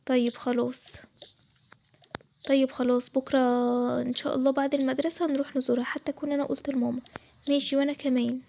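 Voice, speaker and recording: Quick high Egyptian woman voicing girls. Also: flat delivery, gravelly, a little mellow. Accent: Egyptian Arabic. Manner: chatty and quick, switching between several girls' voices. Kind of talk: role-play drama voice-over.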